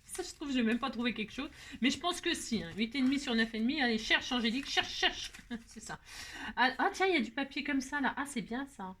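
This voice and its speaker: A bright-voiced woman chats her way through a craft tutorial, pitched a touch above the usual. She talks straight to her viewers with playful, teasing asides. She fills her steps with quick little interjections as her hands work. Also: lively intonation, a little hiss or hum. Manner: narrates her hands, frequent "hop" and filler words. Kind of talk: casual chatty tutorial.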